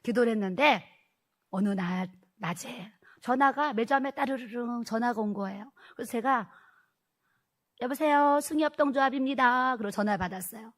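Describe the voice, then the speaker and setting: A middle-aged woman pastor giving a personal testimony sermon, telling her story in a lively way and acting out the dialogue. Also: a little high, a little fast.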